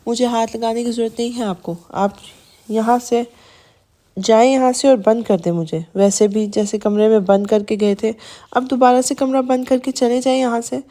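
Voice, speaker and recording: A woman's voice: on the high side, steady tone, dark tone, natural voice. A woman voicing a hurt young wife who speaks in a pleading, broken way with trailing phrases. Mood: tearful refusal.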